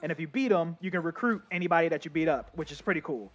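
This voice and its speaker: A young man giving casual, excitable live commentary while playing a game, talking straight to his chat. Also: on the high side, quick pace, lo-fi sound. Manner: chatty, excitable, addresses chat as y'all. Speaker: game streamer.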